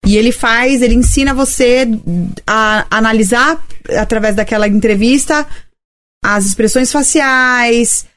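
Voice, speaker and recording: A Brazilian woman in her thirties, chatting in a lively, talkative way as a podcast co-host. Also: fairly high pitch. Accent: Brazilian Portuguese. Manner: lively, chatty, quick storytelling. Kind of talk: casual podcast chat.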